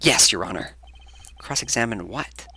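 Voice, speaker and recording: A man voicing a nervous young male defense lawyer in a video game, musing in a quiet, worried way. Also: on the low side, expressive, moderate pace, breathy edge, full character voice. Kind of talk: fan voice-over of a video game.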